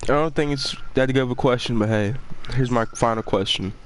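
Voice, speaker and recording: A man's voice: mid-range voice, fairly quick, low-quality recording. A man hosting a casual chat, asking teasing, offhand questions. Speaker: host.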